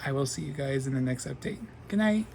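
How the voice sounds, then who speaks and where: A man's voice: mid-range voice, animated, fast talker, creaky, a little mellow, a little hiss or hum. A man talking in a casual reading vlog, gushing about books and rambling with lots of ums. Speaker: book vlogger.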